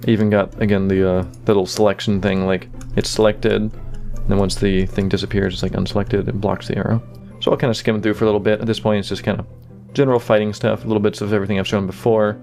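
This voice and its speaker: A fast-talking man with a lowish voice barely pauses as he casually discusses the making of his own animation. Fillers like "kinda" and "you know" crop up often, over soft background music.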